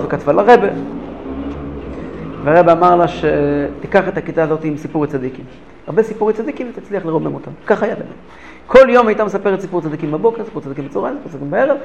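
Man, rabbi teacher, high voice, gravelly, animated storytelling. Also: slight background noise. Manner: animated, repeating phrases for emphasis. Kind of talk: lesson storytelling.

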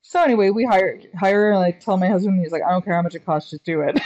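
A woman guest on a podcast, chatting casually and telling lively stories, acting out quotes and laughing often. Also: mid-range voice, quick pace, slight background noise. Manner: animated storyteller, acts out quotes, laughs often. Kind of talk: casual interview chat. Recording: dull lo-fi sound.

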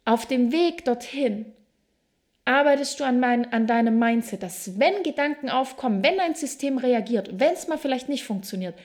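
A woman hosting a self-help podcast, talking straight to the listener in a reflective monologue, slow and emphatic in places. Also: high voice, lively intonation, darkish tone. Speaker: podcast host.

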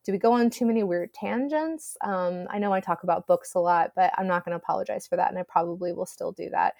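A woman's voice: lowish voice, fast, creaky, darkish tone, no room sound. A woman co-hosting a podcast, reading announcements in a friendly, chatty way. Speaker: podcast co-host.

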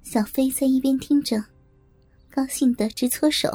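A woman narrating a first-person audiobook story in a smooth, confiding way. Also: sits high, steady tone, moderate pace, mellow, soft background music.

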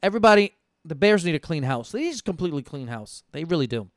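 A young man talks through his fantasy football draft out loud, swearing freely and going back and forth with himself. His voice sits a bit high for a man and sounds smooth and clean. The mic is close and dry, with no room sound. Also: animated, fast, no room sound. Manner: thinking aloud, swearing, talking himself in and out of picks. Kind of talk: casual live draft commentary.

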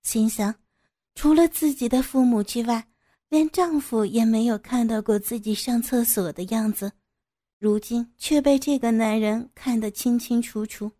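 A woman reading a scripted story in a soft, even narrating voice. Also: on the high side, unhurried.

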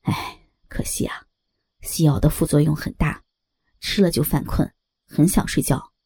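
A woman voicing a young apologetic, doting husband in a lowered, hushed, breathy voice for a spoken story. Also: fairly even intonation, measured pace, whispered, heavily acted. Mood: sheepish, drowsy.

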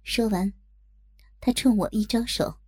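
A woman's voice: mid-range voice, unhurried, a little mellow. A woman narrating a first-person adult story in a coy, teasing manner.

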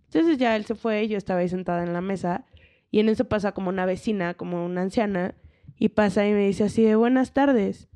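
A young Mexican woman co-hosting a casual podcast chat, telling an anecdote with animated acted-out quotes. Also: mid-range voice, fast. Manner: animated storyteller who acts out quoted voices. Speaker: podcast co-host.

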